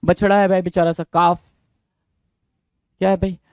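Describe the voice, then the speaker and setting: A male teacher leading an exam-prep vocabulary lesson. He reads English definitions slowly, explains them in quick Hindi, spells each word letter by letter and repeats the answers. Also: high voice, level tone, a little mellow, clean tone, no echo. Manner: spells words letter by letter, repeats answers, calls students bhai.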